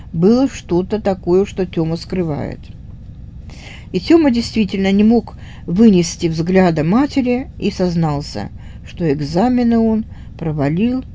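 A woman's voice: lowish voice, dark tone, slight background noise. A woman retelling a story aloud in her own words, unscripted, with small fillers and restarts.

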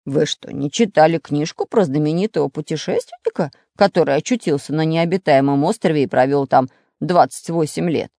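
A reader voicing a cautious, fussy male geography professor in a storybook reading, with a low, wary manner. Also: a little fast, creaky, few pauses, warm tone, dry recording, studio quality, natural voice.

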